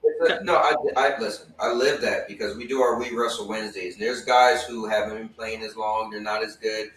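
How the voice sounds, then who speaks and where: Animated man telling stories in a roomy space. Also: fairly low pitch, a little fast, recorded from a distance, a little hiss or hum. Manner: animated storyteller, acts out friends' lines. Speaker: host. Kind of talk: casual chat.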